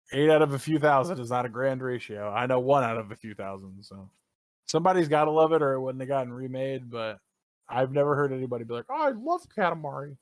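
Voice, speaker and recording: A man co-hosting a gaming podcast, talking casually, opinionated and animated, and he swears often. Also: mid-range voice, a little fast, no room sound. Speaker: podcast co-host. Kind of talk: casual chat.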